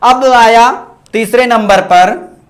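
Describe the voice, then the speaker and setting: A Sanskrit teacher with a very high voice leads an online exam-prep class, pronouncing each letter of the Sanskrit sounds aloud. He poses a question, pauses, then answers it himself, and breaks off now and then to thank viewers for their comments.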